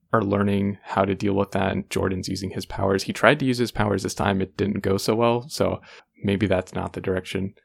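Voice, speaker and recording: Gravelly man recapping a TV episode. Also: fairly low pitch. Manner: relaxed, recaps plot with fillers. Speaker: podcast co-host. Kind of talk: casual TV recap chat.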